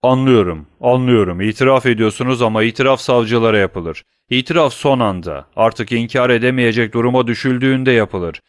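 A man's voice: mid-range voice, brisk, hardly any pauses, no echo, clean studio sound, natural voice. A man reading as a stern, accusing prosecutor. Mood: scornful. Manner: forceful, cutting, accusatory. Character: stern middle-aged male prosecutor, coldly accusing. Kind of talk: audiobook reading.

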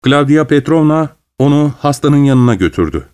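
A man reading a novel aloud in a measured, even storytelling voice. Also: a little high, clear, resonant tone. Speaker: narrator. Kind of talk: audiobook narration.

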